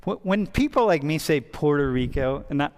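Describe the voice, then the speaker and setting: A man's voice: fairly high pitch, animated, moderate pace. Man, university professor, casual lecture, chatty, self-interrupting, echoey lecture hall. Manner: chatty, interrupts himself often. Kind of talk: casual classroom discussion. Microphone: wireless mic.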